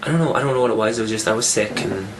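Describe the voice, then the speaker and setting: Rapid-fire and rambling, a fitness vlogger delivers his casual weekly update in a low voice still coarse from a cold. He repeatedly circles back to restart sentences while a steady noise hiss runs underneath.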